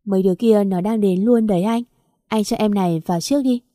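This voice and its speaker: A pushy young man snaps impatient orders, read aloud by a woman. The voice is mellow and dry, at times a little louder, in a spoken storybook. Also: medium pitch, fast, no room sound, natural voice. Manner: snapping, bossy.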